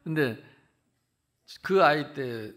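A man in his sixties from the Jeolla region of South Korea, preaching a sermon as pastor with animated storytelling that swings from loud to hushed. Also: fairly high pitch, extremely slow. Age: 60s.

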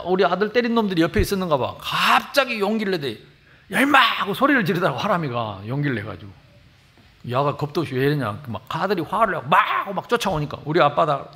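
Middle-aged male pastor, high lively voice, folksy storytelling sermon. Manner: colloquial storytelling, animated and emphatic. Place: church sanctuary.

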